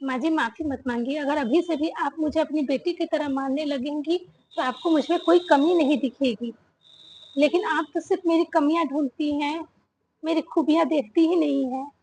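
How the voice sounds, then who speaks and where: A woman acting an elder daughter-in-law who answers back her mother-in-law with sharp complaints in a family drama. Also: sits high, normal speed, rough recording. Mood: grateful. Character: elder daughter-in-law, married ten years, fed up.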